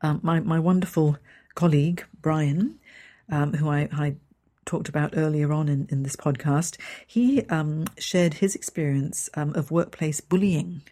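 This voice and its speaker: A woman's voice: deep voice, steady tone, measured pace, dark tone. A middle-aged woman from Hong Kong, a native Cantonese speaker with an English accent, hosting a podcast and sharing personal stories and advice in a conversational, reflective manner. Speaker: podcast host and coach. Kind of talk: personal storytelling with self-help advice.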